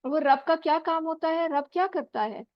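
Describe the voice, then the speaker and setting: This woman teacher has an extremely high-pitched voice, speaks at normal speed, and there's no room sound. She patiently quizzes students word by word online while a bad connection keeps cutting her out, in dull, dry video-call audio.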